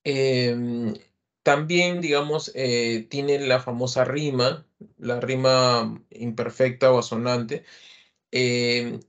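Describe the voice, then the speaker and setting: A man's voice: medium pitch, fairly even intonation, slow. Male literature teacher, filler-heavy lecture. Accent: Peruvian Spanish. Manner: explanatory, many fillers and tag questions. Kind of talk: online class lecture.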